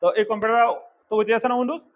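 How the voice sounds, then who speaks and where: Fast-talking, scolding Bangladeshi instructor. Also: male voice, high voice, fairly even intonation, dull audio. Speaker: computer course instructor. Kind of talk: classroom lecture.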